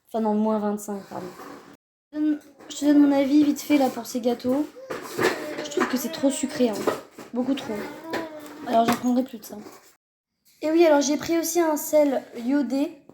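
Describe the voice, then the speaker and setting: A young mother chats casually to the camera as she vlogs her family's day, rambling with plenty of fillers and correcting herself often. Her voice is on the high side and warm, with a slight hiss or hum in the recording.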